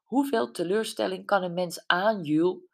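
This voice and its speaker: A woman's voice: lowish voice, moderate pace, gravelly. A woman voicing Brenda, a candid, self-mocking friend, in an audiobook. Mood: wry. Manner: wry, emotional, tearful at times. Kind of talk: audiobook character voice.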